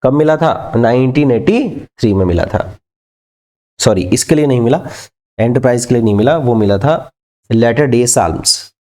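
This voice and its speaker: A man teaches an exam-prep literature class in a mellow, dark voice at an ordinary pitch. He mixes Hindi with English, poses questions and answers them himself, and slows right down to dictate English lines. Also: lively intonation. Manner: asks and answers his own questions.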